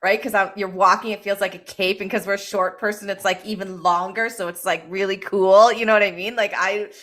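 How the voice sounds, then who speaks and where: A woman's voice: mid-range voice, steady tone, fairly quick, a bit bright. A woman hosting a podcast, talking in a chatty, rambling way full of likes and you knows. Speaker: podcast host. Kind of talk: casual chat.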